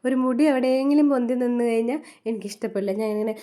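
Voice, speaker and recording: A woman in her thirties with a Malayali accent narrates a family vlog in a quick, easygoing patter. Her voice is mellow and dark rather than bright, and she keeps tagging friendly little asides onto her lines as she talks. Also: on the high side. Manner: chatty, homely, often ending lines with a tag. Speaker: family vlogger, mother. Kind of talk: casual voice-over narration.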